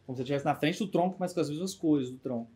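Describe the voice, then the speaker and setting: A man's voice: fairly high pitch, racing, warm tone. A man running a tabletop game as game master, describing scenes with many small hesitations. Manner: descriptive, hesitant narration with fillers.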